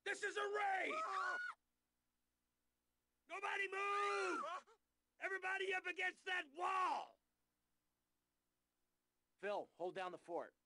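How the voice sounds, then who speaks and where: Video game bandit, gang boss, high-pitched for a man, commanding, hot-tempered, animated. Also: slow, pauses often, no echo, raised voice, heavily acted. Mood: shouting, threatening. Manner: commanding bandit, barking orders. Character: bossy hot-tempered male gangster leading a bank robbery.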